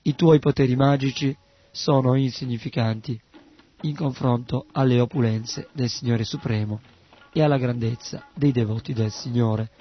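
A man voicing a calm, firm male magistrate who speaks in a measured, steady way. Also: medium pitch, slightly rough, lo-fi sound, lightly acted. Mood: admonishing.

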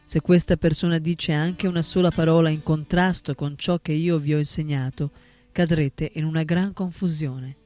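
A man's voice: a little high, fairly even intonation, moderate pace, darkish tone, faint music behind, natural voice. A man reading the lines of an elderly male spiritual teacher in a firm, matter-of-fact way. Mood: warning.

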